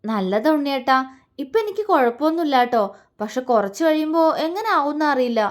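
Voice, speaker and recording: A woman's voice: high-pitched, animated, quick pace. A woman voicing a playful young pregnant wife who teases her husband. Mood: teasing. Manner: playful, teasing.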